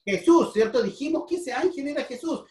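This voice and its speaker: A woman's voice: high voice, lively intonation, brisk, a little mellow. A woman with a Chilean accent teaching a Bible lesson, asking the congregation questions and often repeating her words. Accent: Chilean Spanish. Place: church hall. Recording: roomy, from a distance.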